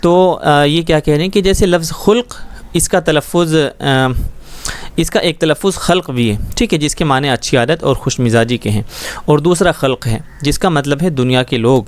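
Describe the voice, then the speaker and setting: A man teaching a schoolbook Urdu lesson, explaining words patiently and often checking that students follow. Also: fairly high pitch. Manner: patient, explains slowly with frequent check-ins.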